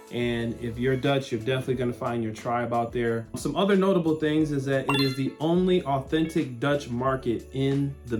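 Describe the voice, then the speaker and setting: A man's voice: medium pitch, darkish tone. Chatty man hosting a local vlog. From West Michigan. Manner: chatty, upbeat, informal. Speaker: local host of a relocation channel. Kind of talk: casual vlog talk to camera.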